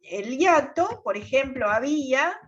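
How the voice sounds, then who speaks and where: A woman's voice: high-pitched, lively intonation, measured pace. A woman teacher, patiently explaining over a video call and checking with "¿tá?". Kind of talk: online class explanation. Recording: dull lo-fi video call audio.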